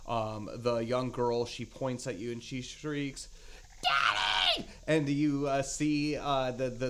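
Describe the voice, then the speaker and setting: A man narrating as game master of a tabletop game, halting with many fillers. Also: medium pitch.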